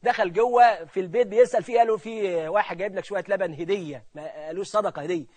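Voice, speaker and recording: A man with an Egyptian accent preaching a colloquial sermon, swinging between loud emphasis and hushed, near-whispered lines. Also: high voice, racing. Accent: Egyptian Arabic.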